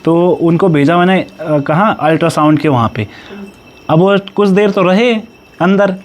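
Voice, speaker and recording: A young man with an Uttarakhand Pahadi accent, chatting loudly and quickly as a family vlogger telling stories at home. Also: on the high side. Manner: talks loud and fast, storytelling. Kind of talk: casual family vlog chat.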